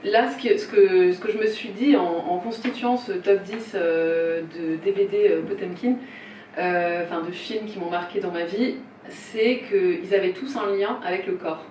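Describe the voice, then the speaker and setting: A woman's voice: mid-range voice, measured pace, a little mellow. A woman presenting a filmmaker at a small event, speaking informally, hesitant and apologetic, with many restarts. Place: film shop event room, with people present. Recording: roomy, distant mic, faint noise.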